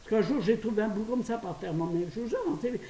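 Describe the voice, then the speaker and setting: Chatty and fast, an older French vlogger speaks to her phone camera indoors at her apartment, laughing at herself along the way. Her voice is mellow and mid-range, heard through roomy, distant phone audio with faint hiss.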